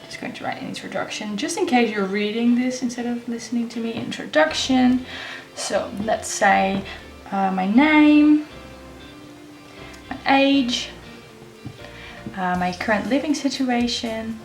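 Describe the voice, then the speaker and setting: Hosting a how-to vlog in an echoey room with faint background music, this woman talks casually at a moderate pace in a voice that sits a little high. She writes a blog about letters and hosts videos, and a swollen jaw after wisdom tooth removal leaves her words slightly off.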